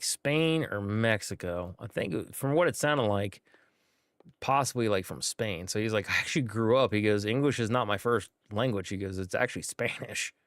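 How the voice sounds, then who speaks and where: In a lowish voice, an American man gives relaxed, meandering commentary on the game he's livestreaming, using many fillers. The sound is clean studio quality, with no echo.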